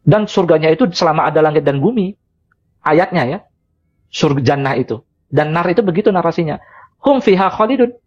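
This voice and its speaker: A man's voice: on the high side, lively intonation, brisk, long pauses, darkish tone, dull audio. A man talking casually on a live stream as a religious debater, mocking and chuckling between phrases.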